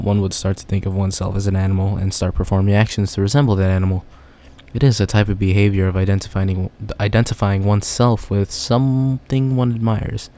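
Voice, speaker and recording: Reading on-screen game text out loud and cracking jokes about it, a young man plays in a relaxed, chatty way. He has a low, dark-toned voice.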